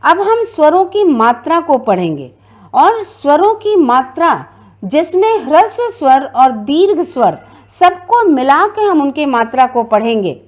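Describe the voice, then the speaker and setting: A woman's voice: high-pitched, big pitch swings, measured pace, highs cut off. A woman teacher giving a classroom grammar lecture, explaining step by step and repeating her points.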